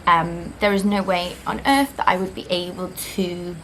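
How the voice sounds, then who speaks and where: A woman in her twenties, born in Poland, who grew up in Britain and speaks. She talks to the camera in a relaxed, chatty way, with frequent ums and likes. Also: on the low side, moderate pace, slight background noise, poor audio. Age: 20s. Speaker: interviewee. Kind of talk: casual talk to camera.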